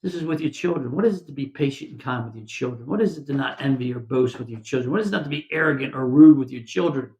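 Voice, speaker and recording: Gravelly-voiced chaplain man preaching. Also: mid-range voice, fast, few pauses, a little mellow, echoey room. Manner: conversational, with many restarts and quoted asides. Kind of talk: devotional sermon.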